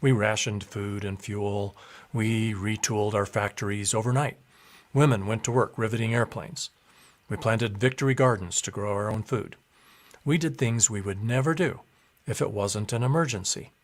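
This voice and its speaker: A man delivering a prepared campaign speech in a measured, deliberate way. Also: lowish voice. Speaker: political candidate.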